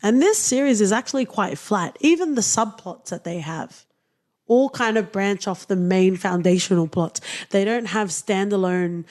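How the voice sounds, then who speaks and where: A woman's voice: mid-range voice, moderate pace, a little mellow. A woman co-hosting a casual podcast, reviewing a TV series in an opinionated, teasing way. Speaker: podcast co-host.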